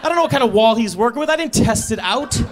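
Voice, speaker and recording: A man doing stand-up on a club stage, with a fairly high voice that he keeps jumping between pitches as he acts out the people in his story. He speaks into a handheld mic, with faint room noise behind him. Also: quick pace, a faint crowd. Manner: animated storytelling, acting out quoted voices. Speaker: stand-up comedian. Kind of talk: stand-up comedy set. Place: comedy club stage before a live audience.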